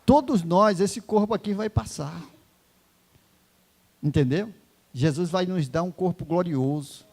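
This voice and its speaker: A man preaching an emotional testimony sermon in church, swinging from hushed words to fervent loud exclaiming. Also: high-pitched, measured pace, gravelly.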